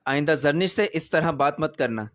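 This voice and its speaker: A quiet younger son speaks with stern bitterness, as a male narrator plays him. The delivery is firm, and the sound is dry and close. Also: a little high, no echo, close to an everyday voice.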